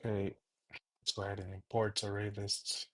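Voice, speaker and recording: A man leading an unscripted coding tutorial, thinking aloud in a halting way with fillers and self-corrections. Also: lowish voice, completely flat delivery, fairly bright tone. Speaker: programming tutor.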